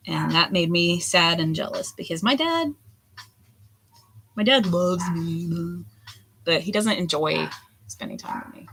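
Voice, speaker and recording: A hoarse woman in her forties, a potter chatting candidly while she throws clay at the wheel. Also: lowish voice, lively intonation, measured pace, long pauses, a bit bright, slight background noise. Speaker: potter streaming a throwing session. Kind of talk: casual chat while working. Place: pottery studio with lo-fi music on.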